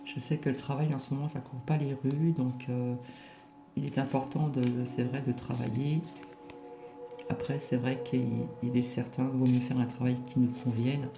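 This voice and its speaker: A man giving a casual spiritual card reading to viewers, speaking haltingly and often repeating himself. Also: medium pitch, flat delivery, creaky. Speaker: oracle card reader. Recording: roomy echo, music behind. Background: music.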